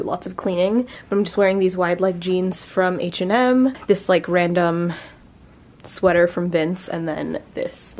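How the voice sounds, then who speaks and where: A lifestyle vlogger in her twenties, with a lowish voice, talks casually to a handheld camera held at arm's length. She is chatty and upbeat and says "like" constantly. The setting is indoors, at home and in a large warehouse showroom.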